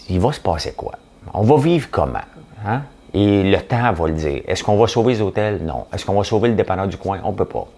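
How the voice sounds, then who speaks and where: Deep-voiced Quebec French man, blunt and joking. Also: a little mellow. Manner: blunt, joking, rhetorical questions. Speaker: podcast host. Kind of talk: casual opinion monologue.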